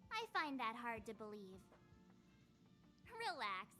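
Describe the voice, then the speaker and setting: A woman's voice: fairly high pitch, big pitch swings, slow, sharp tone, soft background music, heavily acted. A woman voicing a cheerful young adventurer in a video game. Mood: chirpy.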